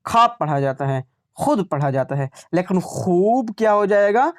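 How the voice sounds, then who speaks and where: A man's voice: high voice, lively intonation, normal speed. A male teacher leading an exam-prep lesson, repeating words aloud to drill pronunciation and asking questions he then answers himself.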